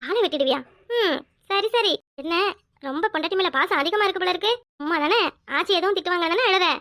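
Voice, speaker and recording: A woman's voice: very high voice, quick pace, a bit bright. A woman voicing a scolding yet caring old village grandmother in a cartoon, with a Tirunelveli Tamil accent. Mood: bossy. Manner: scolding, fussing, chatty. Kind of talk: cartoon voice acting.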